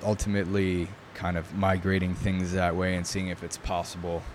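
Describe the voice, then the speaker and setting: A New York man whose first language was Italian, a knife maker, chats casually as an interview guest, thoughtful and full of fillers. His deep voice comes out completely flat at a moderate pace, over a faint hiss or hum.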